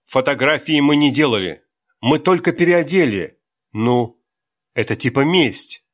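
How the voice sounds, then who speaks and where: A man's voice: mid-range voice, animated, a little slow, lo-fi sound. A man voicing a young female mercenary trainee who explains herself hesitantly, read in a storybook. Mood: sheepish.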